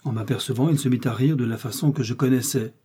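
A man reading a story aloud in a grave, steady narration. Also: mid-range voice, fast talker, breathy edge. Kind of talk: audiobook reading.

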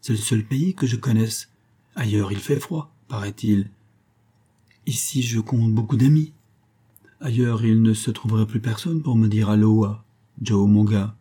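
A man voicing an easygoing half-brother who speaks in a soft, suave way. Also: on the low side, unhurried, husky. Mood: gentle, wry. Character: easygoing islander half-brother, gentle and wry.

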